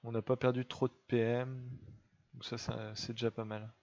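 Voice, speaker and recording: A man's voice: mid-range voice, level tone, moderate pace, darkish tone, highs cut off. A young man giving casual gameplay commentary, chatting and teasing his game pet. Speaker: let's play gamer.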